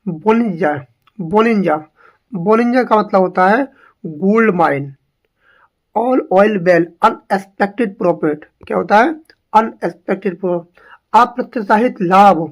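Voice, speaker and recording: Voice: medium pitch, slow pace. Repetitive exam-prep English teacher. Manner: drills each word by repeating it, asks rhetorical questions.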